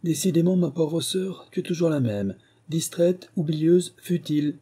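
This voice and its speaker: Grumpy young man, huffy and indignant, mellow slightly husky voice , man reading the part. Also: mid-range voice, a little fast. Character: grumpy young man, impatient older brother type.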